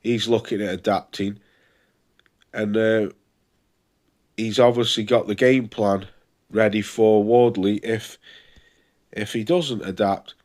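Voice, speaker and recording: A man with a fairly low voice and a stuffy nasal tone, as if his nose were pinched. He talks casually as a boxing vlogger, informal and a little halting as he thinks aloud. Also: steady tone, a little mellow. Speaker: boxing channel host. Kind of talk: casual fight preview vlog.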